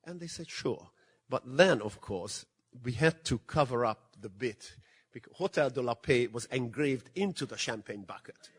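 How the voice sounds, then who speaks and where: An older Hungarian man gives an anecdotal lecture as a guest speaker in a museum lecture hall. His husky, medium-pitched voice is expressive at a normal speed, and he tells stories with dry self-deprecation.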